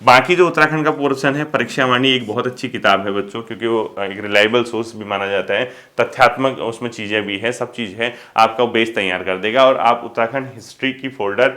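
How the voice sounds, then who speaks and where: A man's voice: mid-range voice, a little fast, hardly any pauses, sharp tone. A male coaching teacher, giving casual exam advice to students and asking them rhetorical questions. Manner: addresses students as kids, frequent rhetorical questions.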